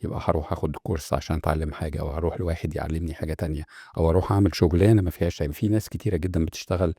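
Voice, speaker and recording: A man with an Egyptian accent talks very fast in a low, gravelly voice with a husky edge. He hosts a motivational podcast and works through rhetorical questions, checking in with his listeners as he goes. The recording is dry and close. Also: steady tone, dark tone, no echo. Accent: Egyptian Arabic. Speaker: podcast host. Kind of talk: motivational talk monologue.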